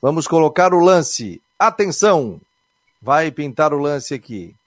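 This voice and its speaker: A man hosting a casual football discussion show, with drawn-out emphatic exclamations. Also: fairly high pitch, big pitch swings, dry recording, clean studio sound. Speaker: sports show host.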